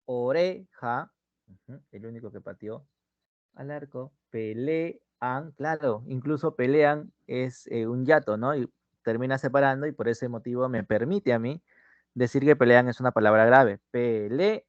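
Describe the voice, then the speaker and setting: An online language teacher, a man with a medium-pitched voice and a Peruvian Spanish accent, delivers his words in a drawn-out way, checking in with "¿no?" and "ujú" as he goes. The recording has no echo; a dry close mic leaves it dull and muffled.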